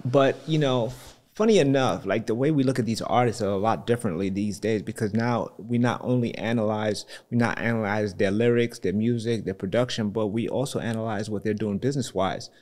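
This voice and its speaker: A real estate entrepreneur from Brooklyn, New York, appears as a podcast guest, speaking in a lowish, somewhat mellow voice at a fairly quick clip. His Brooklyn accent comes through in slangy, conversational chat, and he says "you know" a lot.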